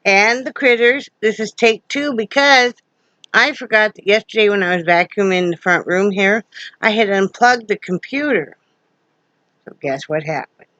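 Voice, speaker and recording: Sharp in tone, mid-range and at normal speed, this woman's voice comes through a dull lo-fi home recording with no echo. She's a middle-aged Wyoming vlogger with a wheeze and sore throat, chatting in a folksy, rambling way with many fillers in her front room.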